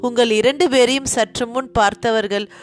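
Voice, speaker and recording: A woman voicing a bold, outspoken young woman who stands up to a thug in a storybook reading, with soft music behind. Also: a little high, fairly even intonation, moderate pace, close to an everyday voice. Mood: defiant. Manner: bold, sharp-tongued.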